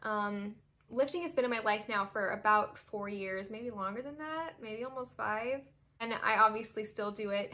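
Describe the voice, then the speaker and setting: A woman in her twenties chatting to the camera in a casual vlog from her bedroom, expressive and gesturing as she talks. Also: on the high side. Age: 20s. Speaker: vlogger. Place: bedroom, seated on a bed indoors.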